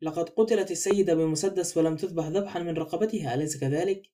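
A man's voice: a little high, fast, dark tone, close to an everyday voice. A man doing an eager, ghoulish little boy. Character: ghoulish ten-year-old boy, eager for gore.

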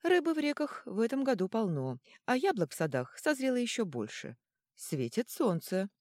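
A woman voicing a calm, reasoned and very polite male pack leader in a storybook. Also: fairly high pitch, moderate pace, no echo, clean studio sound, pitched above the performer's own voice. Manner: calm, courteous.

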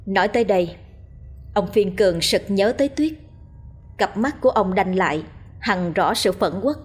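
A woman narrating a horror story in a steady, suspenseful reading. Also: mid-range voice, normal speed, husky.

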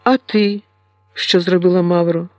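A man's voice: high-pitched, steady tone, measured pace, no echo. A man voicing a proud, defiant young village woman. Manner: tense, heated outbursts.

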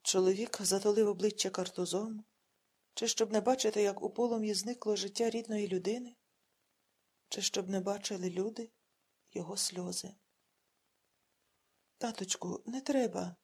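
A woman reading an audiobook novel aloud in steady, grave narration. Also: medium pitch, normal speed, slightly rough. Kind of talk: scripted narration.

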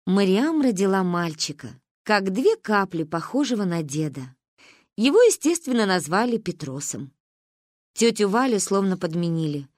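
A woman reading an audiobook aloud in an expressive, storytelling manner, narrating as a little girl. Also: medium pitch, normal speed, no echo, studio quality. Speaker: audiobook reader.

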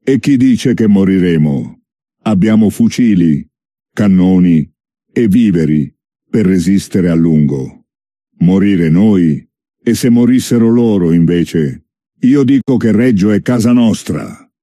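A man playing an angry townsman who shouts that the people will not leave. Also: low voice, animated, slow pace, no room sound, clean studio sound, full character voice. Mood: indignant. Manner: shouting, indignant. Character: angry male townsman, stubborn and proud.

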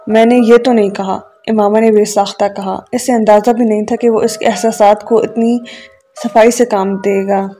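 A woman reading a novel aloud as an audiobook narrator, with calm, even storytelling and faint music behind. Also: mid-range voice.

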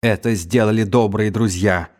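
Steady, fatherly old warlord, low and calm, as a male reader puts him on. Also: normal speed, natural voice. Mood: calm, stern. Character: calm, stern old Mongol general.

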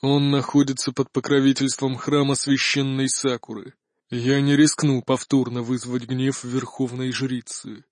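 A man voicing a haughty older Japanese shogun who speaks low, quiet and disdainful. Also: level tone, measured pace, no echo, clean studio sound, natural voice.

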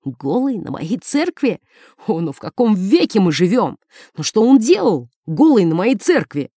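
A woman's voice: low-pitched, very animated, moderate pace, darkish tone, no echo, studio quality, full character voice. A woman voicing a flustered village priest who stammers in fear and blusters with outrage, as in an audiobook. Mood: outraged. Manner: stammering, frightened, then blustering. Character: flustered village priest, man, easily alarmed. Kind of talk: audiobook character voice.

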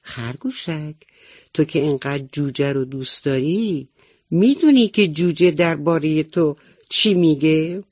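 A woman's voice: deep voice, a little mellow, dry recording. A woman voicing a sly, scheming fox who sweet-talks and gossips in a bedtime radio story for children. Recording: dull dry old radio recording.

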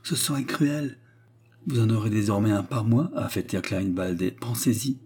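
A man voicing a cool, reserved gentleman in an audiobook, speaking in a measured way. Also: on the low side, husky. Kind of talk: audiobook character reading.

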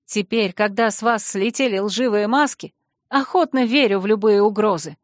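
A woman voicing a proud, hurt and defiant young female mage who snaps back in sharp, clipped retorts. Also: medium pitch, normal speed, no echo, clean studio sound, close to an everyday voice. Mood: furious.

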